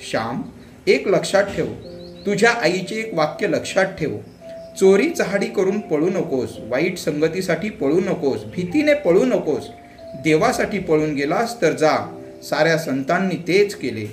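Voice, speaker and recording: A man voicing a loving village mother who speaks softly and gently, comforting her son. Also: on the high side, sing-song, measured pace. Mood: gentle, loving. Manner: soft, gentle and consoling. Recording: echoey room with faint music.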